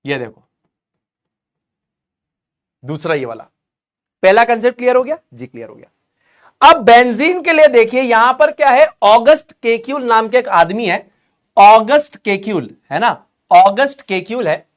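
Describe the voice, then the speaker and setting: A man's voice: very high voice, lively intonation, measured pace, pauses often. A young man teaching an online chemistry class in a chatty, joking way, mixing explanations with banter aimed at students.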